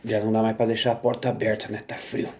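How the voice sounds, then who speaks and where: A man with a Brazilian Portuguese accent, vlogging to camera in a casual monologue, rambling with many restarts and tag questions at an unhurried pace. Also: lowish voice, completely flat delivery, gravelly, very noisy.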